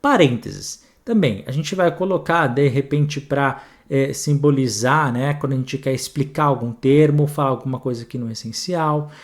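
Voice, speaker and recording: A man with a Brazilian Portuguese accent teaching a grammar lesson for an exam, chatty and animated, often checking in with his students. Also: medium pitch, normal speed, hardly any pauses.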